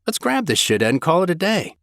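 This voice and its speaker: A man voicing a brisk, wisecracking woman federal agent in an audiobook, teasing in a sing-song way. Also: sits high, big pitch swings, vocal fry, a bit bright, dry recording, studio quality, pitched above the performer's own voice, full character voice.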